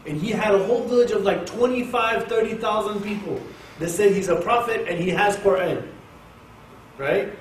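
In an informal religious class at a mosque hall, an Oklahoma-born male Quran teacher with a high-sitting voice talks at a moderate pace, joking and animated as he speaks to the audience. A distant mic picks him up with echo and light hiss.

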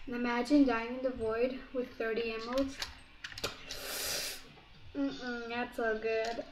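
A woman co-playing in a casual gameplay chat, bossy and teasing, snapping out quick commands. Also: on the high side, little pitch movement, highs cut off, noisy background. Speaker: co-player. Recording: echoey room.

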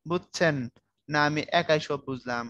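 A man with a high-leaning, fairly bright voice speaks at normal speed, with no echo and the highs cut off. He teaches a Bangla writing lecture in a casual, colloquial way, frequently asking his students whether they're following.

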